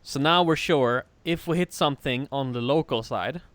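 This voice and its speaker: A man's voice: mid-range voice, moderate pace, fairly bright tone, no room sound. A man teaching a live coding lesson in a casual way, laughing and swearing freely. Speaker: programming teacher.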